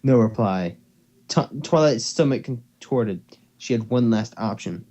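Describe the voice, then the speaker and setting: Here the fan fiction narrator and co-host has a mid-range, mellow voice with lively intonation and an unhurried pace. He reads casually and amateurishly through a computer or headset mic on a voice call that sounds slightly dull.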